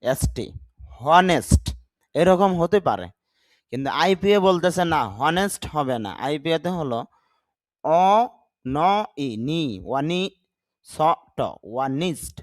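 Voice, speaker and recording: A man's voice: a little high, animated, no room sound. A man teaching English vocabulary to learners, saying each word, repeating it, spelling it out and explaining how to pronounce it correctly. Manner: slow, deliberate, repeats words and spells them out. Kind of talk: vocabulary lesson with pronunciation drills.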